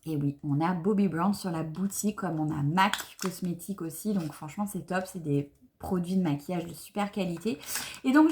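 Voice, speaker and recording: A woman's voice: mid-range voice, darkish tone, a little hiss or hum. A young woman, chatting enthusiastically to camera as she unboxes beauty products, with many fillers. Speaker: beauty vlogger. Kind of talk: casual unboxing chat to camera.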